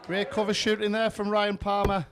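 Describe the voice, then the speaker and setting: A male sports commentator covering a darts match live. His voice is high for a man, and he speaks in punchy, admiring phrases. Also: monotone, normal speed, a bit bright, a faint crowd, a little hiss or hum.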